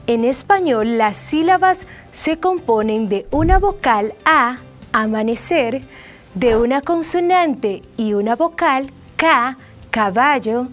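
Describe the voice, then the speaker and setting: A woman teacher giving a scripted lesson, slowly stressing and repeating key phrases. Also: sits high. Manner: slow, drawn-out repetition of key phrases. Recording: faint background music.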